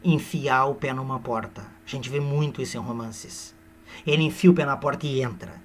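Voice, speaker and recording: A man teaching literature by retelling a novel as a lively lecture, with humorous, playful asides to his listeners. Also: medium pitch, normal speed, a little hiss or hum.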